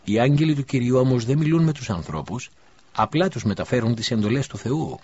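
A man voicing a guardian angel in an audiobook, speaking in a measured, firm, instructive way. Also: medium pitch, expressive, darkish tone, slightly rough, pitched above the performer's own voice. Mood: questioning. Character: guardian angel, calm, stern, authoritative. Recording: dull lo-fi recording.

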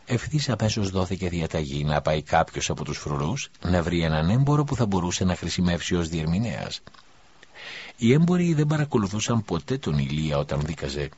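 A man narrating an audiobook in an even, measured reading style. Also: deep voice, husky, highs cut off. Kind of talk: scripted narration.

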